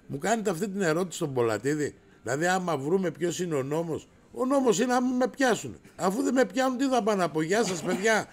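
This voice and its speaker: A man's voice: high-pitched, very animated, few pauses. A middle-aged man hosting a casual livestream, brash and rowdy, swearing and raising his voice as he answers viewers. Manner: raises his voice to shout.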